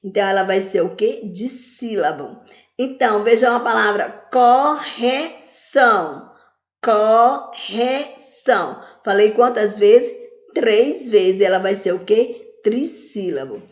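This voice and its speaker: Slow, echoey woman teacher. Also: mid-range voice, darkish tone. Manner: asks questions and answers them herself, drawing out words slowly. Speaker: primary school teacher. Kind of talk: recorded video lesson for children.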